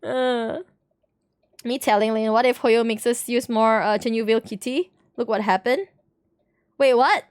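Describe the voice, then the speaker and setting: On the high side and smooth, this woman's voice stays unhurried as she giggles and chats casually with viewers during a game stream. The audio is studio quality, free of echo.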